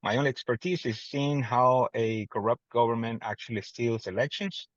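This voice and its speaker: A man's voice: mid-range voice, fairly even intonation, normal speed, dry recording. Hesitant man from Venezuela, dull dry audio. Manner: hesitant, many fillers. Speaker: committee member. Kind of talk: self-introduction on a video call.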